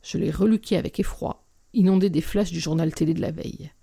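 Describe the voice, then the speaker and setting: A woman narrates a first-person story in an expressive, dramatic manner. Her voice has a gravelly, creaky edge. Her tone is mellow and warm. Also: on the low side, a little fast.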